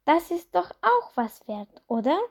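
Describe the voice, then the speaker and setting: A woman's voice: sits high, big pitch swings, a little slow, creaky, pitched above the performer's own voice, exaggerated voice. A woman doing an impatient chatty mother. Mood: coaxing. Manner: coaxing, exasperated.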